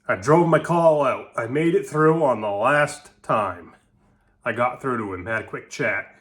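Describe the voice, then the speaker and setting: A man hosts a ham radio vlog, explaining his contacts in a folksy, rambling way packed with "you know" and "uh." As a hobbyist and channel host, he speaks a little slowly in a medium-pitched, slightly bright voice.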